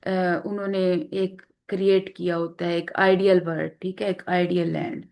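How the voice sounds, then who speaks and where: A woman teaching exam vocabulary, explaining patiently with frequent fillers and restarts, mixing English terms into her speech. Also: medium pitch. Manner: explains patiently, repeats words, many fillers; mixes English terms into Urdu-Hindi speech.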